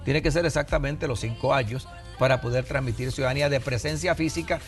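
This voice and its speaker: A man's voice: mid-range voice, fast talker, soft background music. A Puerto Rican man in his sixties, an immigration adviser on a TV interview, explaining patiently with examples. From Puerto Rico.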